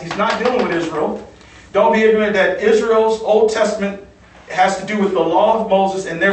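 A male pastor teaching from the Bible in a sermon, repeating key phrases and checking in with "okay?". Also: high voice. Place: church sanctuary. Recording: echoey church hall from far off.

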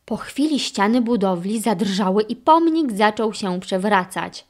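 Lively woman reading a children's story. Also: mid-range voice, a little slow. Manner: expressive storytelling. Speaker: audiobook narrator. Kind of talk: children's audiobook narration.

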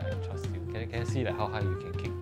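A young adult man with a Singaporean accent hosts a casual comedic interview, bantering playfully in Singlish as the show's host. His fairly low voice is rapid-fire, and background music plays on the indoor office studio set.

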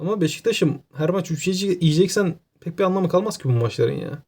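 A man with an Aegean Turkish accent giving casual, joking gameplay commentary, excitable and talking to himself. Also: high-pitched, fairly quick, husky. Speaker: gaming YouTuber.

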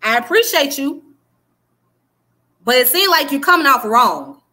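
This woman speaks a little slowly, her high voice very animated, pushed and bright. In her thirties and with a Southern US accent, she's livestreaming a casual yet emphatic history lesson, preachy in manner and constantly checking in with viewers by asking "okay?" She's recorded close on a webcam in a small room indoors.

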